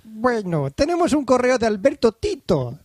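A man's voice: very high-pitched, dry recording, studio quality. A man co-hosting a comedy podcast, joking, laughing often and reading listener mail. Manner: joking, laughs often, fast excitable delivery. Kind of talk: casual comedic podcast banter.

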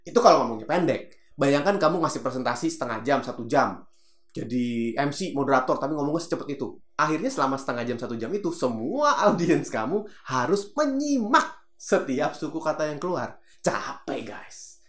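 Lively man coaching public speaking. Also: on the high side, moderate pace. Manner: animated, demonstrates with sound effects and quoted examples. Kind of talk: casual teaching talk to camera. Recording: roomy echo.

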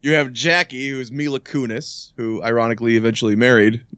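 A man co-hosting a casual chat, leading the talk with quick questions. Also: mid-range voice, fairly even intonation, fairly bright tone, dry recording. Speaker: podcast co-host.

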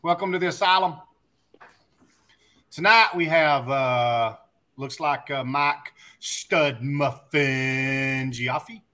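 A man's voice: medium pitch, takes it slowly, sharp tone. A man hosting a casual podcast, joking and teasing his guests and stumbling over their names. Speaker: podcast host. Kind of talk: casual chat.

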